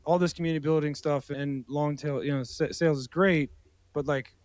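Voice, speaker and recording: A man's voice: on the high side, fairly even intonation, fairly quick, a little mellow, no room sound. Chatty male podcast host. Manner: friendly, chatty, loose rambling questions. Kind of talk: conversational interview.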